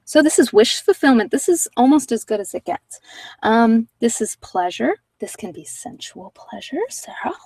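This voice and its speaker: Chatting casually with her live viewers, a woman hosting card-reading livestreams rambles in a candid, self-deprecating manner. Her voice is fairly high, sing-song, gravelly, husky and darkish at a normal speed, recorded far from the mic without echo.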